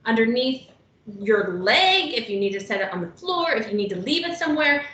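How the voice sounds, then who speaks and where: A woman's voice: fairly high pitch, sing-song, a little fast, a bit bright, a little hiss or hum. A woman hosting a live online etiquette class, chatty and upbeat, with fillers and laughs along the way. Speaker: etiquette workshop host. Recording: roomy, distant, muffled video call audio.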